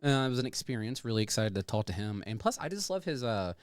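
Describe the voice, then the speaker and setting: A man's voice: mid-range voice, very animated, fast talker, smooth, no echo, studio quality. A man hosting a podcast in casual chat, rambling and playful, with some swearing. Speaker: podcast host.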